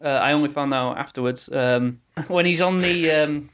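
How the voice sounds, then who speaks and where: A man's voice: a little high, moderate pace, fairly bright tone. A man chatting casually about a film and its game, often restarting his sentences and quoting lines in dry put-on tones. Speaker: podcast co-host. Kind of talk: casual chat.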